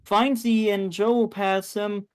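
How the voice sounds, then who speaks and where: A woman's voice: medium pitch, steady tone, takes it slowly, a little mellow, dry recording. A woman commentating a live sim race in a chatty way, often correcting herself mid-sentence.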